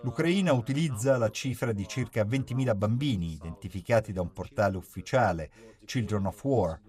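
A man reading an Italian voice-over for an interviewee, measured and earnest. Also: fairly low pitch, lively intonation, darkish tone.

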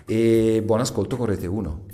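A man's voice: on the low side, normal speed, warm tone. A man hosting a radio quiz in speech, chatty, teasing and encouraging with his guests. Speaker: radio quiz show host. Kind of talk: playful live quiz interview.

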